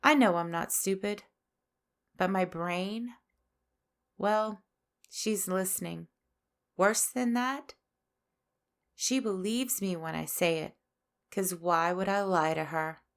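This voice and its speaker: A woman's voice: medium pitch, clean tone. A woman hosting a spiritual podcast, delivering a scripted monologue with sass and a preachy edge. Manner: slow, sassy, preachy delivery. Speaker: podcast host. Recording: faint music underneath.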